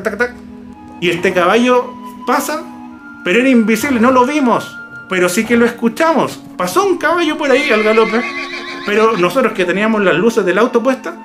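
A Chilean man casually telling a personal ghost story, lively and full of slang, imitating sounds as he goes. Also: sits high. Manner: animated, imitates barks and hoofbeats, slangy. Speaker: YouTuber telling ghost stories.

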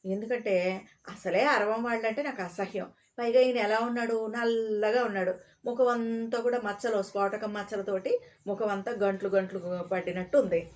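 A woman telling a comic story in a casual, chatty way, pausing to explain old words. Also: medium pitch, fairly even intonation.

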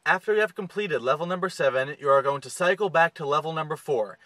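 A fitness coach in his twenties sits in the driver's seat of a parked car, talking directly to a camera held close to his face as he steadily lays out gym steps. His bright, forceful voice is a bit higher than most men's and he talks fast. It sounds close and dry with no room sound, but the recording is rough.

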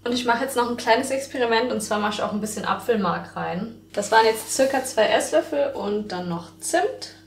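A woman's voice: fairly high pitch, expressive, moderate pace, few pauses. A young woman talking casually through a cooking vlog in her home kitchen, thinking aloud as she works. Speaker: cooking vlogger. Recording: echoey kitchen with faint noise.

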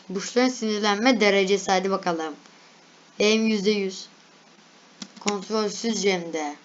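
A woman's voice: medium pitch, slight background noise. Chatty young woman, lo-fi sound. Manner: chatty, reads lists aloud, laughs at herself. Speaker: vlogger. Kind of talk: casual reaction chat.

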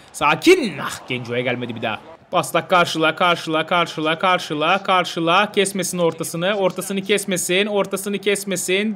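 Young guy yelling at his game players like a coach, high voice, gets loud fast. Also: slight background noise. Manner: excitable, talks to his players as a coach, shouts at goals. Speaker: gaming video host. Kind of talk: live football game commentary.

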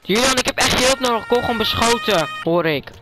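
A male vlogger giving live gaming commentary, making urgent, hurried calls to a teammate. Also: extremely high pitch, expressive, loud music behind the voice, low-quality recording.

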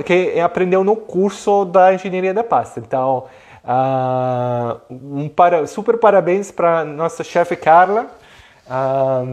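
A man's voice: fairly high pitch, darkish tone. A man in his thirties with an Italian accent, a native Italian speaker, giving a casual, chatty, hesitant live cooking lesson. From Italy. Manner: chatty and hesitant, mixing Italian greetings into talk. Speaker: online cooking class host. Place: home kitchen, indoors. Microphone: clip-on lapel mic.

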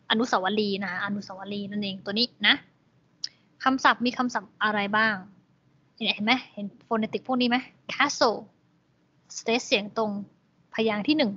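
A woman's voice: on the high side, fairly even intonation, a little slow, pauses often, a bit bright. Woman english teacher, patient + polite, kinda muffled lo-fi audio. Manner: explains English words, polite particles. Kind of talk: slow classroom explanation. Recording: dull lo-fi recording.

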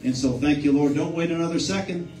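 Exhorting pastor in an echoey church. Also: male voice, on the high side, fast. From Buffalo, New York area, US. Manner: repeats amen, restarts phrases, exhorting. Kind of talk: sermon with altar call. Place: church sanctuary. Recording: echoey church room, distant mic, soft music.

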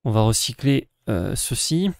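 A man with an ordinary middle-pitched voice plays a card game while thinking aloud, counting his moves in a relaxed, casual tone. The recording is dry and close-miked. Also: unhurried, vocal fry, dry recording. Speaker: co-host playing the game. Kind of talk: casual gameplay commentary.

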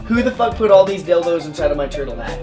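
A man's voice: a little high, expressive, fast, reverberant, distant mic, over music. A man in his twenties in casual banter with friends during a party game. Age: 20s. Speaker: challenge participant in a group video. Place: small hotel-style living room. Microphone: camera a few metres away.

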